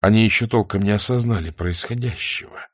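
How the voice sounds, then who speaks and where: A man narrating an audiobook in an expressive way. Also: lowish voice, a little fast, no echo, studio quality.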